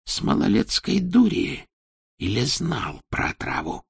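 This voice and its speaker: Creepy old secret police boss, quiet hissy whisper, gravelly, a man doing him. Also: huge pitch swings, measured pace, dry recording, studio quality, full character voice. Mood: menacing. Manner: low insinuating whisper.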